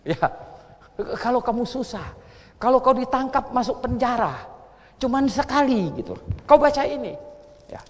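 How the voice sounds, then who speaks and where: A man preaching a sermon to his congregation, emphatic, repeating phrases and swinging between quiet asides and loud exclamations. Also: very high voice, lively intonation, unhurried, pauses often, in a large hall. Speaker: pastor.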